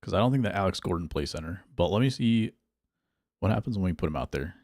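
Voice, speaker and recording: A man's voice: low voice, lively intonation, fast, a little mellow, no room sound, clean studio sound. A male streamer chatting casually while he plays, thinking aloud about his picks and answering his chat. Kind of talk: casual gameplay livestream chat.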